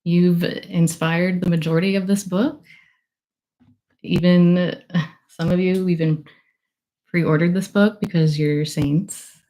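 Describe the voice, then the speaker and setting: A woman's voice: on the low side, fairly even intonation, slow pace, pauses often, warm tone, low-quality recording. A young woman talking casually on a livestream at her book launch, emotional and gushing, rambling with many fillers. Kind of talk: casual livestream thank-yous.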